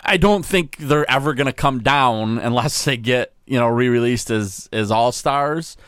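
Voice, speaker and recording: A man co-hosting a casual podcast, talking in a relaxed, measured way and giving advice. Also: mid-range voice, clear, resonant tone, no room sound, clean studio sound. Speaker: podcast co-host. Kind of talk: casual chat.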